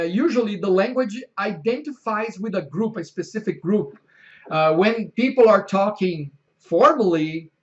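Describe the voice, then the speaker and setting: A man with a Brazilian Portuguese accent hosting an interview in English, halting with many fillers. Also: sits high. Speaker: host, English teacher. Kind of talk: casual interview. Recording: dull lo-fi sound.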